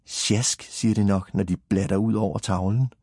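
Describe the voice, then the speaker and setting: A man voicing an eager, curious little boy in a storybook reading, with a husky voice and lively exclamations. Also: lowish voice, no room sound, studio quality, lightly acted.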